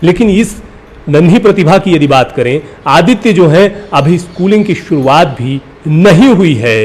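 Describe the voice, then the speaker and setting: A man presenting a news feature, speaking in an earnest, admiring way with pauses and filler sounds. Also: on the high side, animated, darkish tone, husky. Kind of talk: on-location news feature commentary.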